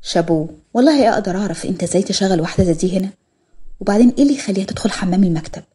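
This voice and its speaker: A woman's voice: medium pitch, animated, rapid-fire, dark tone, slightly rough. A woman voicing a jealous, scolding Egyptian wife. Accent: Egyptian Arabic. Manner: scolding, sarcastic. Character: jealous, sharp-tongued young wife.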